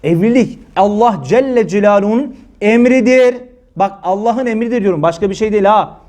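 Emphatic high-voiced preacher. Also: male voice, a little fast, a little mellow. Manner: scolding, emphatic, rhetorical questions. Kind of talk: religious talk to followers.

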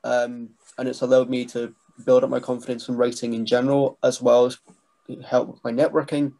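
A young man, talking as a guest on a video call interview, soft-spoken and hesitant with restarts. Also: medium pitch, little pitch movement, fairly quick, gravelly. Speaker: guest, wrestling writer and trainee. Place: small bedroom indoors. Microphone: webcam mic on video call.

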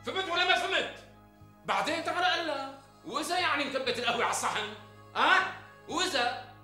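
A man's voice: very high voice, bright, forceful tone, roomy sound, exaggerated voice. An actor playing a browbeaten middle-aged husband with a Damascene Syrian accent, who rants bold speeches when he is alone in a TV sitcom. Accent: Damascene Syrian Arabic. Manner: rehearses bold speeches, mocking and ranting. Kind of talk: TV sitcom acting.

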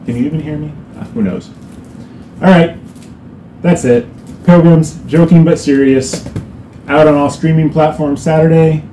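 A man's voice: a little high, steady tone, unhurried, pauses often, warm tone, reverberant, a little hiss or hum, low-quality recording. A man giving a casual band update, rambling with many fillers and a dry, self-mocking sarcasm. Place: indoors on a hot day. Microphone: no lapel mic, camera mic.

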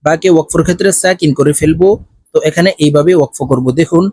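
A man teaching Quran reading, spelling out each letter and vowel, then reciting the words in a slow drawn-out chant between brisk explanations. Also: on the high side, fairly even intonation, a little mellow, no room sound.

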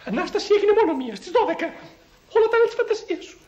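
A man's voice: very high-pitched, sing-song, darkish tone, pitched above the performer's own voice. An actor playing a cheeky, mocking village woman, with a roomy, dull sound. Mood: teasing. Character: sassy teasing village woman.

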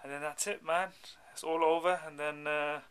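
A young adult British vlogger and film actor from England talks in a casual video diary, informal and chatty with lots of slang. His tone is forward, bright, clean and steady, pitched a little high, at a moderate pace. He records on a handheld camera at arm's length in dubbing studio rooms and inside a parked car.

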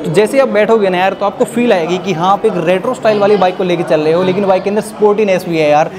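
Indian male motovlogger, quick and chatty, busy crowd noise around him outdoors. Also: high voice. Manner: chatty, peppers talk with "yaar". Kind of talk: casual bike review walkaround. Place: outdoors in a busy urban spot. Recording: noisy outdoor crowd background. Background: crowd and street bustle.

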